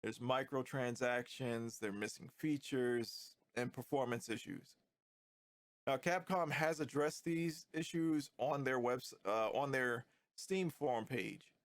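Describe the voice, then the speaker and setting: A man with a stuffy, nasal voice from a cold, giving relaxed, slightly critical commentary on a video game. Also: mid-range voice, slow, no echo. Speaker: gaming YouTuber.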